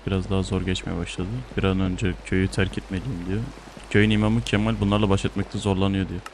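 A man's voice: low voice, level tone, fast talker, a little hiss or hum. A man hosting a game stream, chatting casually over a headset and bossing his friends along. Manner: bossy, keeps urging the others on. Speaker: streamer and host. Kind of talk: casual gaming chat.

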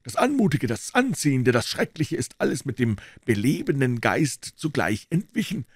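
A man's voice: mid-range voice, normal speed, breathy edge, no room sound, clean studio sound, pitched above the performer's own voice. A man doing a cool-headed old doctor. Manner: calm, persuasive, clinical. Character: old male doctor, cool, calm, unshakable.

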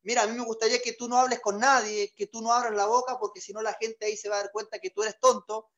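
A man's voice: high-pitched, level tone, quick pace, a bit bright, lo-fi sound. A man with a Chilean Magallanes accent, a comedian telling a story in a chatty way with crude slang and boastful jokes. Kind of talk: stand-up comic storytelling.

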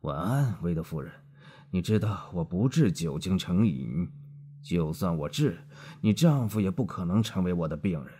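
A man's voice: low-pitched, expressive, moderate pace, dark tone, breathy edge. A man voicing a cold, contemptuous middle-aged doctor who speaks curtly and icily. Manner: curt, clipped and icy.

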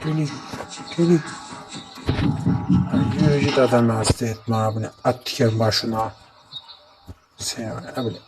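A man's voice: mid-range voice, a little slow, long pauses, poor audio. Grumbling man over game music. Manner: grumbling, talks to the game and viewers, mutters oaths. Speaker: gameplay streamer. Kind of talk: casual gameplay commentary. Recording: game music playing behind.

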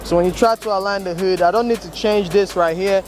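A young man films himself at arm's length on an outdoor car auction lot, giving a casual walkthrough laced with preachy hustle talk and repeated "man" and "bro." He speaks a little fast in a high, fairly even voice, with faint music behind him.

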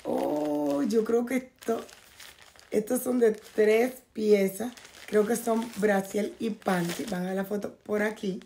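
Hoarse, gravelly-voiced woman unboxing clothes. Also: medium pitch, slow, warm tone, slight background noise. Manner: chatty, talks straight to viewers. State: hoarse, losing her voice. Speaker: fashion vlogger. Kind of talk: casual clothing haul unboxing. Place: at home, in a bathrobe.

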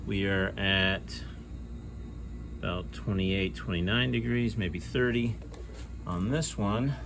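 A man's voice: fairly low pitch, slow pace. A middle-aged man in casual narration of his work in a garage, thinking aloud as he explains each step. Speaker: hobby car restorer. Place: garage workshop.

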